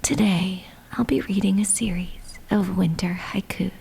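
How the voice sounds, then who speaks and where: A woman's voice: mid-range voice, steady tone, a little slow, creaky, slight background noise. An actress playing a bossy teenage girl who whispers her ASMR tape and snaps at her family. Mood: hushed. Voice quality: whispered, turning sharp and exasperated. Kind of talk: ASMR whispering in a radio play.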